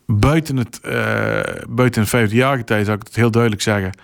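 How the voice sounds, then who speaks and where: A middle-aged man with a Limburg Dutch accent, speaking reflectively and a little haltingly as a guest in a conversational interview. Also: on the low side, fairly even intonation, creaky, dry recording, clean studio sound. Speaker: local broadcaster, podcast guest.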